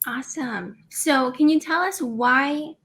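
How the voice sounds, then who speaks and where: A woman's voice: high-pitched, slow, fairly bright tone. A woman hosting an interview, asking short, friendly questions. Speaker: interviewer, channel host.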